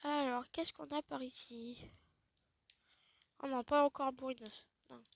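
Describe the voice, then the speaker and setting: A woman giving casual gaming commentary, chatty and self-mocking, often dropping into quiet muttered asides. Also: high voice, steady tone, a little slow, vocal fry, dry recording. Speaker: let's play host.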